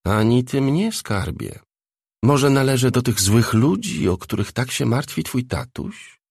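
A man's voice: mid-range voice, very animated, unhurried, gravelly, a little mellow, husky, no echo, clean studio sound, voice pushed up, full character voice. A man voicing a tough, mocking, streetwise woman in a storybook reading, blunt and needling. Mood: brusque.

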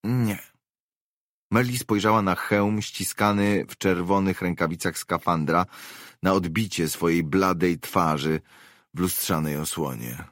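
A man narrating an audiobook with measured, expressive storytelling. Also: low voice, no room sound, studio quality. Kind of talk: scripted narration.

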